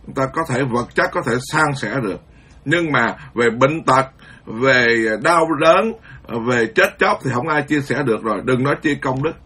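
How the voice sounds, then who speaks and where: A Buddhist monk giving an informal dharma talk, rambling and conversational, stumbling over repeated words. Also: male voice, mid-range voice, expressive, moderate pace, sharp tone, husky.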